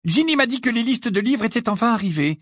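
A busy middle-aged mother witch talks briskly in a raised, high voice, as a male narrator puts her on. The sound is close and dry with a husky grain. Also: expressive, fairly bright tone, no echo, heavily acted.

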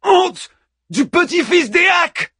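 A man's voice: high-pitched, expressive, unhurried, husky, no echo, studio quality, voice pushed up, exaggerated voice. A man playing an anguished warrior hero. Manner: crying out and pleading, often shouting. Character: anguished young warrior hero, grief-stricken and furious.

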